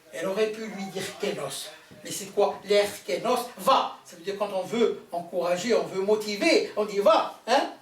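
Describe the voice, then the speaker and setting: A man rabbi teaching a Torah lesson to a live audience, quizzing them with questions and stressing key words. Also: high voice. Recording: roomy hall from a distant mic, faint noise.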